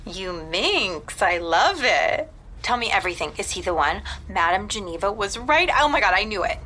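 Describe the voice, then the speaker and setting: An actress playing an excitable sister in an audio drama, with a gushing, teasing manner. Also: female voice, medium pitch, moderate pace. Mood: excited. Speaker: actor.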